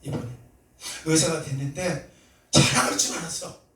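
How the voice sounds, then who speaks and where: A male pastor preaching a sermon, telling a story and acting out prayers and dialogue, sometimes rising to loud, fervent cries. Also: on the high side, steady tone, moderate pace. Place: church sanctuary. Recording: echoey church hall, mic at a distance.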